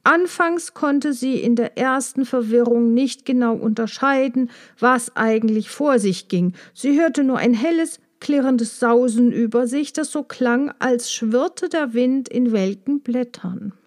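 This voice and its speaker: A woman reading a children's story aloud in an expressive storybook narration. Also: a little high. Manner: slow, expressive read-aloud. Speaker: audiobook reader.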